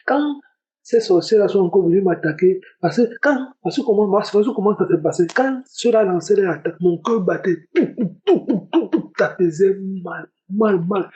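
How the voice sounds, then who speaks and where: A man's voice: sits high, animated, moderate pace, mellow, lo-fi sound. A young man giving a spoken religious testimony, earnest and repeating his words often. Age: young adult. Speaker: testimony giver.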